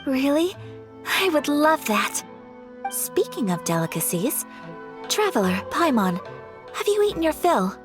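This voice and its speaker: A woman voicing a gracious, gentle young noblewoman in a video game, speaking politely and formally in measured phrases. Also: high voice, big pitch swings. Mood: delighted. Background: background music.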